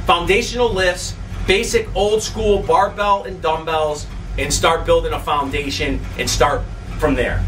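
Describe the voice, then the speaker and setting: A man's voice: a little high, fairly bright tone, far from the mic, slight background noise. A middle-aged man hosting a bodybuilding channel, giving casual advice to the camera in a home basement gym, rambling and repeating himself with many fillers.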